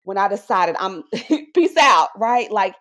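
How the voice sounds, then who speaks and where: Animated preacherly woman sharing testimony. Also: medium pitch, measured pace. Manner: animated, preacherly, often asks "right?". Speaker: podcast guest. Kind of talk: faith testimony conversation.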